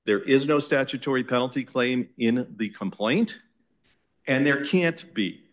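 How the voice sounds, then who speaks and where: A man with a Boston accent, an attorney making an oral argument before appellate judges in a measured, insistent way. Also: mid-range voice, animated. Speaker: attorney arguing an appeal.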